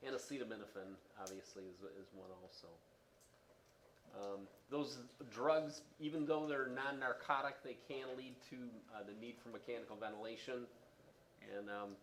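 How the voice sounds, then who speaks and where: In this respiratory therapy class, the male lecturer speaks at a fairly low pitch, swinging between loud and quiet. He rambles, restarts often, leans on fillers and lets his sentences fade, over slight background noise.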